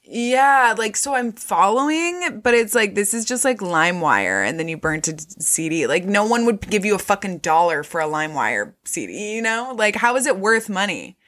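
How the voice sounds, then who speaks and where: A woman's voice: medium pitch, sing-song, normal speed, few pauses, a bit bright. A woman co-hosting a podcast, recapping a movie in loose, chatty talk full of "like" and casual swearing. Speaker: podcast co-host.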